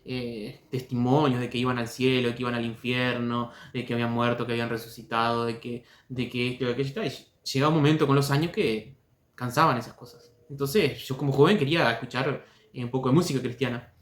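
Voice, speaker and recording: A man hosting a commentary video, speaking calmly with frequent hesitations while telling his own story. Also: mid-range voice, fairly quick. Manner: hesitant, many fillers and restarts, calm. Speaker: host commenting on testimonies. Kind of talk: critical commentary and personal story. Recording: echoey room.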